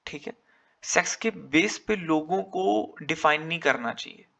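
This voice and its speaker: A man's voice: on the high side, expressive, measured pace, vocal fry, fairly bright tone. A man with an Indian English accent teaching an exam-prep lecture, switching between Hindi and English and answering his own questions.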